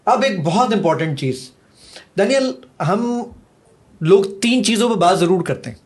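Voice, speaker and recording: A man's voice: high voice, lively intonation. A man eagerly demonstrating his own app in a podcast conversation, counting seconds aloud. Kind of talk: podcast conversation, product demo.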